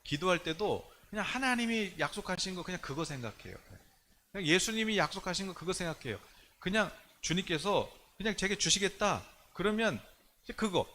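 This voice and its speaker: A man's voice: high-pitched, brisk, a little hiss or hum. A male pastor giving a conversational sermon in church, talking in a loose, chatty way and acting out the people he quotes. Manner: animated, colloquial, acts out quoted dialogue.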